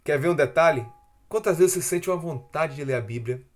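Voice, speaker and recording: A man giving a devotional Bible lesson, swinging between hushed, slow stretches and loud, emphatic ones. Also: on the high side. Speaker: Bible teacher. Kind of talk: devotional teaching.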